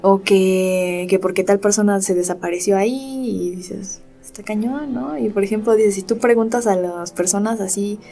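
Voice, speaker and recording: A young Mexican woman spins a spooky story on a casual podcast, talking at a middling pitch. She keeps slipping into reported speech as she retells it. Faint music plays underneath. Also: steady tone, normal speed, few pauses, warm tone. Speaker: podcast co-host.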